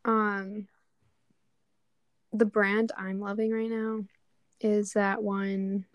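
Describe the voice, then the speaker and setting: A young woman co-hosting a podcast in casual chat, relaxed and agreeable. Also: mid-range voice, very slow, dry recording. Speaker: podcast co-host.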